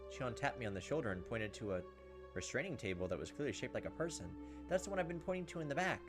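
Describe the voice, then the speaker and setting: A let's player with a medium-pitched voice talks fast as he reads through a visual novel. He brings drama to the narration and acts out the dialogue, and game music plays underneath.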